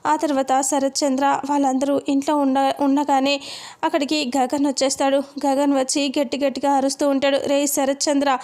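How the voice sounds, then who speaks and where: A woman's voice: sits high, level tone, a little fast, darkish tone. A woman narrating a TV serial recap casually, running narration and quotes together. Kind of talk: casual story retelling.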